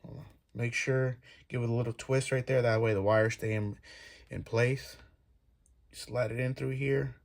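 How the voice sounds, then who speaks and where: A man with a level, mid-range voice and a moderate pace hosts a DIY video, casually walking through each step while working. Clicks and background noise come through on a clear recording.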